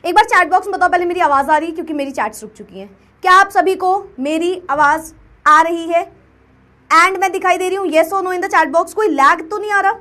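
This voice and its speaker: Very high-voiced chatty woman teacher. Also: normal speed, bright, forceful tone. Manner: chatty, repeats herself, checks the chat often. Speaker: chemistry teacher. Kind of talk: live online class.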